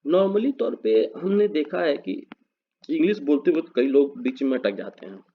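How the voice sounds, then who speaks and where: Man quizzing viewers in a lively lesson. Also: on the high side, moderate pace, slightly rough. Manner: quizzes the viewer, then answers himself; spells words out letter by letter. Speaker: English teacher. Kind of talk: spoken English lesson. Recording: dull lo-fi recording.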